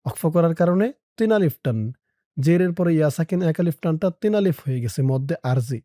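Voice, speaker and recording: A Quran recitation teacher spells out Arabic letters and vowels, with brisk explanations between slow, drawn-out chanting of the verse. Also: mid-range voice, animated, dark tone, dry recording, studio quality.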